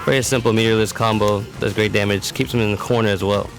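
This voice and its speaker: Over background music, a man talks quickly in a fairly low, steady voice. He's a competitive gamer showing off a character, walking viewers through a fighting game tutorial in a plain, instructional way.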